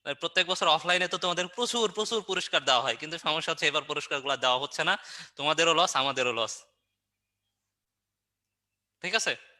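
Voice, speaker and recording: A man's voice: fairly high pitch, quick pace, long pauses, bright, forceful tone. A man teaching an online review class, quizzing students and answering his own questions with playful memory tricks. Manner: playful and joking.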